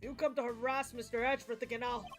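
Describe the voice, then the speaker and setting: A woman voicing a gruff, loyal male police detective in a video game, blunt and protective. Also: on the high side, level tone, fast, faint music behind, close to an everyday voice. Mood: threatening.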